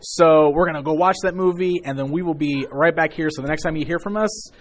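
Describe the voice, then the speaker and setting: A man in his thirties with a fairly light, high-set voice, talking casually as a podcast co-host. He sounds excited and emotional, and laughs often. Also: fairly quick. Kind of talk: casual chat.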